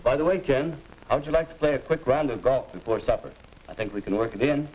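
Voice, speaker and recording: A man's voice: medium pitch, animated, quick pace, a little mellow, close to an everyday voice, rough recording. An actor playing a genial, easygoing father in the folksy style of a 1950s educational film. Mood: genial, contented. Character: cheerful, easygoing middle-class father.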